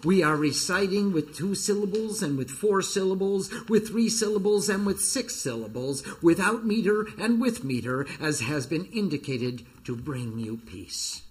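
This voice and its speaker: A man with a somewhat high voice guides listeners through a scripture reading, setting each invocation out slowly and evenly. Between the verses he drops into plain explanation of the terms, like a teacher addressing a small class. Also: expressive. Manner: slow, measured recitation of invocations. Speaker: spiritual teacher leading a reading. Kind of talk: reading scripture translation with commentary.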